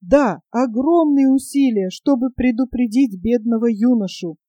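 A woman voices an earnest little squirrel in a storybook reading, insistent and eager to be believed. The voice is high and mellow, close and dry. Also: a little slow, no echo, muffled recording.

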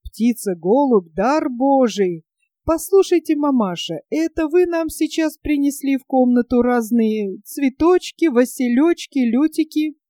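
A fussy uncle talks fast and insistently, coaxing and pleading by turns, read by a woman. The voice is mellow and pitched fairly high. The recording is dry. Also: lively intonation, dry recording. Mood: hurried coaxing. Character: fussy middle-aged uncle, coaxing then exploding.

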